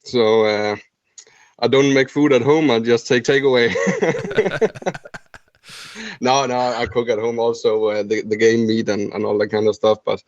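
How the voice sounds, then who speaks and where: A man's voice: medium pitch, a little slow, no room sound, muffled recording. Cheerful Danish man in his twenties. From Denmark. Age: 20s. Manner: cheerful, laughs often, hesitant fillers. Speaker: guest. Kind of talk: casual interview chat.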